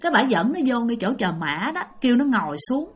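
Chatty woman storyteller, high and animated, talks straight to her listeners. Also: fast talker. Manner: chatty, addresses listeners directly. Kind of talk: spoken ghost story.

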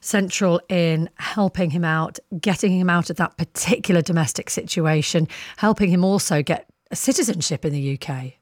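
Woman, breakfast radio host, brisk, inquisitive, lowish voice, dry studio. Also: darkish tone, no echo. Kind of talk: live radio presenting.

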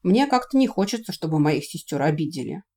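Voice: medium pitch, big pitch swings, fairly quick, dark tone. A reader voicing a young male dragon, a grumbling, put-upon protective brother, in an audiobook reading.

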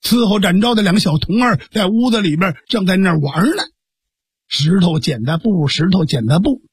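Husky-voiced storyteller. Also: male voice, sits high, no room sound. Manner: lively, colloquial, brisk. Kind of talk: traditional storytelling. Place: radio studio.

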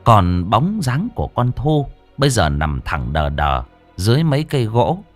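A man's voice: lowish voice, moderate pace. A man narrating a ghost story dramatically. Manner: dramatic, expressive. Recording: dry studio voice with faint music.

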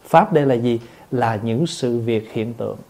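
Mellow-voiced monk giving a dharma talk. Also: male voice, medium pitch, moderate pace, gravelly. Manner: patient, explains word by word, acts out everyday dialogues. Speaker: Buddhist monk teacher.

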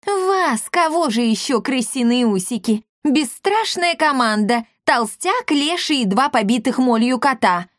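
A woman's voice: high-pitched, expressive, unhurried, no room sound, studio quality, voice pushed up. A woman voicing a scrappy young witch girl who taunts and sneers sarcastically. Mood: mocking.

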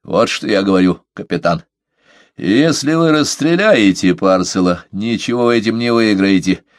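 A man's voice: fairly low pitch, animated, moderate pace, no room sound, studio quality, natural voice. A man voicing a sardonic, scheming sailor who talks in a nasal, sneering, lecturing way.

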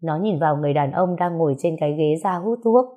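A woman narrating a story in a calm, measured way. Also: sits low, narrow, tinny audio.

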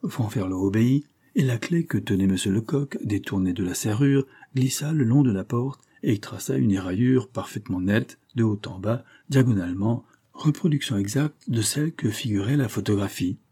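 Male audiobook narrator, low voice, dark mellow tone, steady reading. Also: normal speed, few pauses, husky. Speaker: audiobook reader. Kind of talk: scripted narration of a classic novel.

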